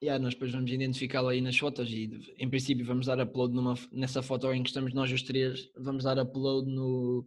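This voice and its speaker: A man's voice: mid-range voice, completely flat delivery, fairly quick, hardly any pauses. A young man with a Lisbon Portuguese accent co-hosting a podcast, chatting casually in heavy slang and swearing freely. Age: young adult. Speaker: podcast co-host. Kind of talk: casual chat. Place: online call.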